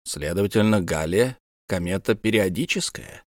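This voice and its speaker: A man voicing an earnest young male navy lieutenant who asks measured, probing questions in an audiobook. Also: sits low, animated, no room sound, studio quality.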